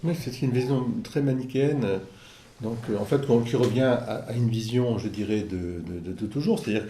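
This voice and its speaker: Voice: medium pitch, moderate pace, warm tone, reverberant, slight background noise. A priest commenting in a casual discussion, reflective and hesitant with repeated words. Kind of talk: conversational commentary.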